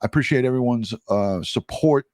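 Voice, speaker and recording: A man talking casually and appreciatively as a livestream host, in a halting way with pauses. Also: mid-range voice, darkish tone, dry recording, clean studio sound. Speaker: true crime livestream host. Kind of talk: casual livestream talk and sign-off.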